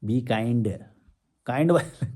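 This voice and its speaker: A man's voice: medium pitch, extremely slow, dark tone. A man hosting his own channel, answering viewer comments in a combative, sarcastic, scolding rant. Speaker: YouTube channel host. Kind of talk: ranting reply to viewer comments.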